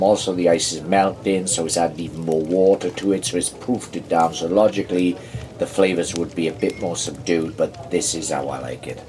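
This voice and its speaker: A man with a very low voice talks through a whisky tasting in a loose, rambling way, stopping and restarting his sentences. A faint hiss sits under the recording. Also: darkish tone, poor audio. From United Kingdom. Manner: rambling, halting, with many ums and restarts. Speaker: whisky reviewer. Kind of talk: casual tasting review with a joke told aloud.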